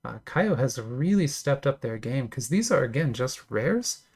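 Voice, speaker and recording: A man with a gravelly, fry-edged voice at an ordinary pitch chats casually as he opens card packs. He sounds enthusiastic and talks in loose, filler-filled runs broken by small laughs. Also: sing-song, unhurried, a little mellow. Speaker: card collector opening packs. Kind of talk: casual unboxing commentary.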